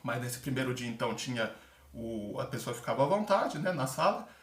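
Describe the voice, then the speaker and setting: Speaking quickly and with animation in a mid-range voice, this man once applied to a theater course and now gives relaxed, chatty advice about its aptitude test. Fillers pepper his talk as he acts out little examples. It's a casual vlog recorded in an echoey room with a distant mic.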